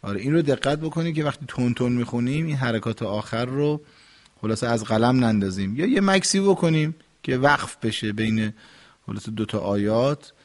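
A man's voice: mid-range voice, animated. A man hosting a radio call-in show, patiently correcting callers' recitation and demonstrating pronunciation. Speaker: radio host and recitation teacher. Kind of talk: instructive radio call-in talk. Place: radio studio.

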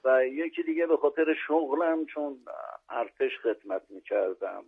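A man's voice: mid-range voice, expressive, husky. Older man reciting poems on a phone line. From Iran. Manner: courteous, formal, recites verses in a measured way. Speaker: guest poet. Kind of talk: phone-in chat and poetry recital. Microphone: telephone.

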